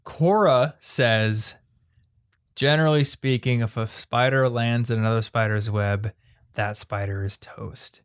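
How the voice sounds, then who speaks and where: A man's voice: medium pitch, fairly even intonation, measured pace, smooth. Chatty young male podcast host. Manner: chatty, storytelling, trailing off into asides. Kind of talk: casual chat.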